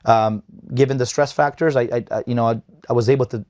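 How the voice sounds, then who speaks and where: A man's voice: mid-range voice, fairly even intonation, fast, a little mellow, dry recording, clean studio sound. A man in his thirties from Bosnia, a podcast guest in casual interview talk, often restarting and repeating words. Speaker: podcast guest, event company owner.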